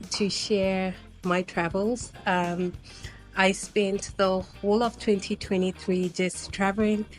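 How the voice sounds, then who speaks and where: A woman from Zimbabwe, around her thirties, chatting casually to camera as a travel vlogger, meandering with frequent ums. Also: medium pitch. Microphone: new personal microphone set.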